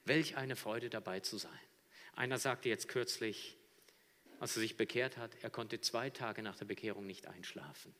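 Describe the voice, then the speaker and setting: A man delivers a sermon in a bright, forceful voice that carries a long reverberant tail from the hall. He drops to near-whispers and then climbs to loud, high shouts. The delivery is theatrical and impassioned. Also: normal speed. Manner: dramatic swings from hushed whispers to soaring shouts. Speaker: preacher.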